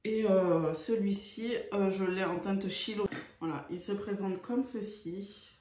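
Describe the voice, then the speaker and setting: A woman's voice: mid-range voice, a little mellow. A woman chatting through a makeup tutorial, hesitant and full of fillers. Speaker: beauty vlogger. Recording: echoey room.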